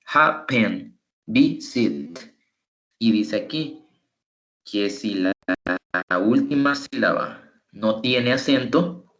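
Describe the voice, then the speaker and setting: A man's voice: medium pitch, fairly bright tone. Man, english tutor, patient step-by-step explaining, video call, dull lo-fi audio. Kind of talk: online teaching.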